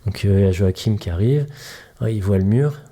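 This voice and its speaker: Speaking fairly quickly in a mellow, lowish voice, a mobility coach runs a casual podcast on his own. He chats and jokes, speaking directly to listeners and illustrating ideas with homely analogies.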